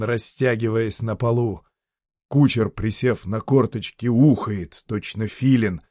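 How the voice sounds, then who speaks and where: A man with a fairly low voice reads a classic story in a steady, measured tone. He sits right at the mic in a dry, close space with no room sound. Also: no room sound. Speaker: narrator. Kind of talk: audiobook literary reading.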